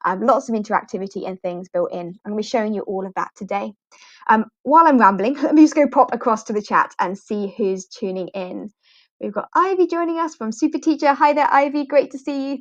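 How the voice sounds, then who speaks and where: This online English teacher, a British woman from the UK, rambles through a livestreamed walkthrough, full of fillers and small laughs. Her pitch is fairly high, and the recording sounds dry and lo-fi.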